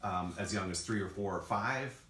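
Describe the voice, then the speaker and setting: A man with a fairly low voice gives a casual, educational explanation for children. He speaks as a zoologist, breaking things into short, simple pieces. The room is echoey, with faint noise behind him. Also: normal speed, a bit bright. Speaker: zoologist co-hosting a children's question session.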